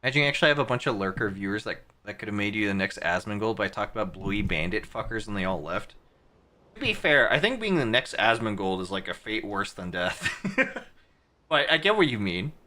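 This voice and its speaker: A man's voice: fairly low pitch, big pitch swings, fairly quick, bright, forceful tone. A man streaming live, reacting to clips with crude jokes and frequent laughter. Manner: crude, joking, laughs often. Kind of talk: casual live-stream commentary.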